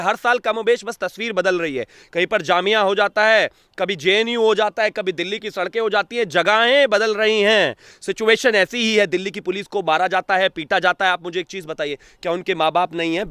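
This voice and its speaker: A man's voice: sits high, a bit bright, smooth, no room sound, clean studio sound. A man, a political analyst, giving heated, accusatory commentary full of rhetorical questions.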